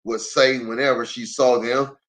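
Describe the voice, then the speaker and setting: At a moderate pace and in a mid-range voice, a middle-aged pastor reads a children's storybook. Expressive and playful, he chats directly with the young listeners through frequent asides.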